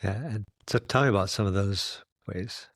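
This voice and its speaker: An American man hosts a conversational interview, thinking aloud at length and wandering into rambling asides. His voice is on the low side at a moderate pace, and the close recording is dry with no room sound.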